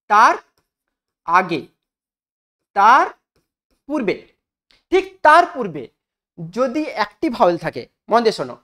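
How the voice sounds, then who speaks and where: Lively, high-pitched woman teaching grammar. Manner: asks the class questions and repeats rules slowly for emphasis. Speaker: English teacher. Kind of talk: spoken grammar lesson.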